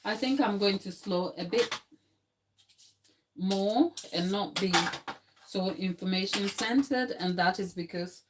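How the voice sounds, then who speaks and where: In her home kitchen, a cake decorating instructor with a Ghanaian accent, whose first language isn't English, talks viewers through a live tutorial in a relaxed, explanatory manner. The middle-aged woman has a mid-range voice, speaks a little slowly with long pauses, and the recording is very noisy.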